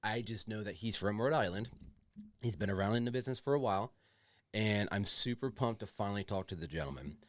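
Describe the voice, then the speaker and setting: A man's voice: lowish voice, lively intonation, a little fast, no room sound. A man hosting a casual podcast, rambling along in slangy, profane chat. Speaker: podcast host.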